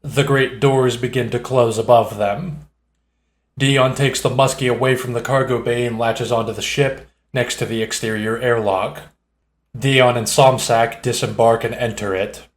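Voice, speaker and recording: A man reads audiobook narration in a steady, descriptive way. His voice sits at a middle pitch. The recording has a roomy echo around it. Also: unhurried. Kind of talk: scripted narration.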